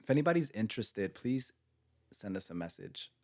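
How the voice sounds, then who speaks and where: A man's voice: lowish voice, big pitch swings, normal speed, creaky, a little mellow. A man co-hosting a podcast in casual chat, tossing in dry joking asides. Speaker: podcast co-host.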